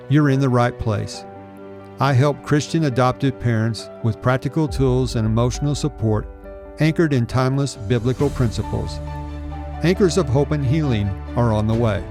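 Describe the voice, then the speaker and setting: A man's voice: mid-range voice, moderate pace, music in the background. A middle-aged man hosting a podcast interview and reading an earnest, welcoming introduction. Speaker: podcast host.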